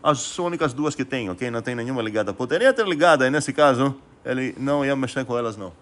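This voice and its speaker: A man lecturing on math at a mid-range pitch. He thinks aloud as he writes, pausing on fillers, correcting himself, and tossing rhetorical questions to his students. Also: animated, a bit bright. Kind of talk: recorded whiteboard lecture.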